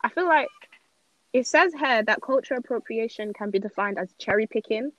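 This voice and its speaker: A young woman, co-hosting a casual podcast chat and giving rapid, opinionated takes full of slang. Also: fairly high pitch, animated, muffled recording. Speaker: podcast co-host.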